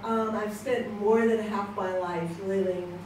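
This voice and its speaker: An American woman in her sixties, with a medium-pitched, fairly even, unhurried, slightly mellow voice, shares personal stories as a conference speaker in a church hall before an audience. Seated with a handheld mic and filmed from across the room, she's chatty, laughs often, and acts out quoted exchanges; the echoey hall sounds far off, with background noise.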